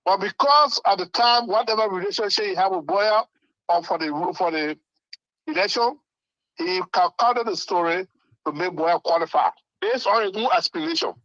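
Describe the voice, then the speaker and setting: A man's voice: sits high, animated, normal speed, pushed and bright, dry recording, muffled recording. A man putting questions in an argumentative community discussion, insistent and often repeating words. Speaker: panel caller putting questions.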